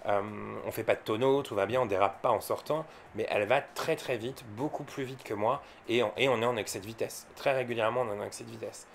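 A man from France rattles through casual vlog commentary about his electric car, talking fast in a mid-range voice with hardly any pauses. His explanations are informal and somewhat hesitant, and the track carries a bit of hiss or hum.

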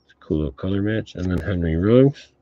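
A man's voice: deep voice, lively intonation, a little fast. A man talking through a face mask, giving laid-back, casual running commentary as he hosts a sports card break and swears offhandedly. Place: indoor tabletop card-opening setup. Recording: dull, muffled audio with background noise.

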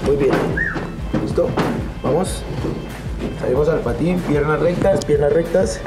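A Colombian man instructs in short, polite, repeated commands. His voice is slightly high, and loud music plays behind it. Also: measured pace. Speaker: rappel instructor.

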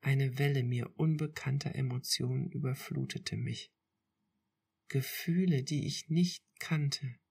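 Slow, gravelly woman reading a story. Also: a bass voice, a little mellow. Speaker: podcast reader. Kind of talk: first-person romance story reading.

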